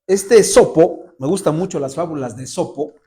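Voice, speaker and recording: A man's voice: fairly high pitch, normal speed. A man with a Mexican Spanish accent preaching a sermon as pastor, telling stories and acting out the people he quotes. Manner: lively storytelling, voices quoted characters.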